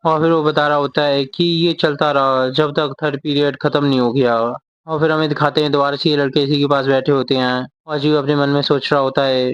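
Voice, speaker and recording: A man retelling a manga story, quoting the characters' lines in his own steady voice without acting them out. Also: on the high side, clear, resonant tone, no echo, dull audio. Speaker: manga explainer.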